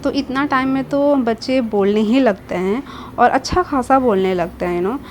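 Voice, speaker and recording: A woman's voice: fairly high pitch, normal speed, slight background noise. A young woman from India, a mother of two, talking casually to camera in her vlog and slipping English words into her chat. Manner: chatty, slips English words into Hindi.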